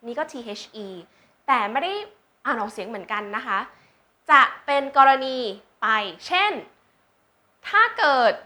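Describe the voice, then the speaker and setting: Woman tutor, high bright voice, slow and patient, drills example words. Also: sing-song. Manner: patient, checks understanding with questions; drawn-out English words for learners to repeat. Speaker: English tutor. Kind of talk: slow teaching with example sentences.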